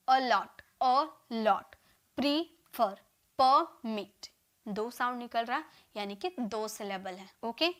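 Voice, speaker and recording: A young woman with an Indian accent teaching English verb forms in a live online class, saying each word form aloud and repeating it, with frequent quick check-ins with her viewers. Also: high-pitched, fairly bright tone.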